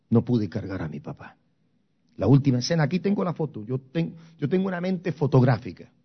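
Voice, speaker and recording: A man's voice: mid-range voice, husky. Older Guatemalan preacher telling his story. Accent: Guatemalan Spanish. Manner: dramatic storytelling with sudden loud and soft turns. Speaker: preacher giving a testimony. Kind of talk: emotional sermon testimony. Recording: dull lo-fi recording.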